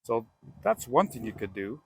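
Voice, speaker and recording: A man's voice: medium pitch, normal speed, slight background noise. A man with a Canadian accent, hosting his own real estate show outdoors, telling a story casually and acting out both sides of a phone call. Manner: chatty and animated, acts out both sides of phone calls. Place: outdoors by a house.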